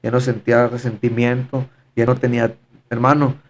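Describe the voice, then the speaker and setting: In a monotone, mid-range voice at normal speed, with a little hiss or hum in the background, a man testifies on a podcast. His account is fervent and repetitive, and he keeps calling his listener brother.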